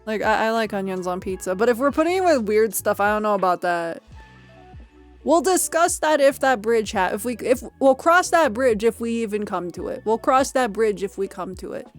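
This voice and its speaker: A young woman with a slightly high voice chats with her stream audience, laughing often and looping back over her own sentences. Faint music plays under her talk. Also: normal speed. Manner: giggly, rambling, animated, repeats herself. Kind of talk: casual chat with viewers.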